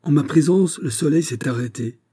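A man's voice: fairly low pitch, fairly quick, warm tone, breathy edge. A man voicing a young furious king. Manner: commanding, raises voice in anger.

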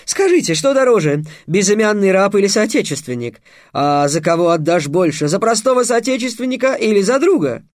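Мужчина-чтец озвучивает хитрого, жадного работорговца средних лет, который торгуется льстиво и с показным благочестием. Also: male voice, high voice, sing-song, fairly quick, hardly any pauses, no room sound, clean studio sound, voice pushed up. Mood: sly. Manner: smooth, bargaining, mock-pious. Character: sly, greedy middle-aged male slave trader.

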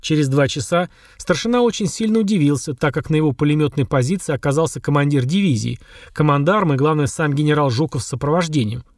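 A man reading an audiobook in a steady, even narration style. His voice sits fairly high for a man, and the sound is dry and close with no room around it. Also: quick pace, dry recording. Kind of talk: scripted narration.

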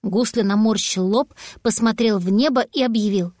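A woman narrating a children's story in a lively, expressive reading. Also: medium pitch, moderate pace, no echo, studio quality. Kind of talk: audiobook narration.

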